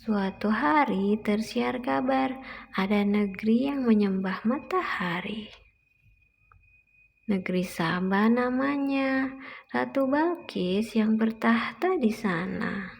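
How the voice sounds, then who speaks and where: A woman's voice: a little high, creaky, breathy edge. A woman, a mother reading a picture book aloud to toddlers in simple storytelling, repeating and explaining lines, on a muffled recording with background noise.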